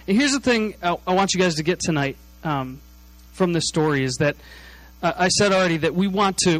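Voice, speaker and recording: Guy with a pretty high voice, chatty sermon storytelling, lots of "like", dry close sound. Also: no room sound, low-quality recording. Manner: animated, chatty, frequent "like" fillers.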